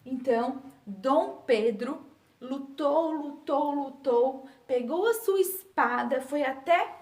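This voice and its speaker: A woman teaching a recorded lesson to young children, telling and explaining in a slow, sing-song way with drawn-out words. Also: high-pitched. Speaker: primary school teacher. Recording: echoey room.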